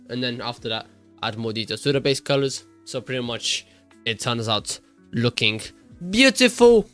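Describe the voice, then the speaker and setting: A young man hosting his own art channel chats over his drawing in a rambling, self-deprecating voice-over full of restarts and fillers. His mid-range voice is fairly bright and clean in tone, yet worn and congested from a cold.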